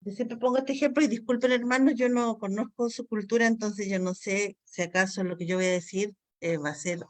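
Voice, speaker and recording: A woman's voice: medium pitch, fairly even intonation, fairly quick, hardly any pauses. A woman from Chile with a Chilean accent, teaching a Bible counseling class in an earnest, apologetic way and acting out everyday dialogue as examples. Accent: Chilean Spanish. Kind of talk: online course lesson.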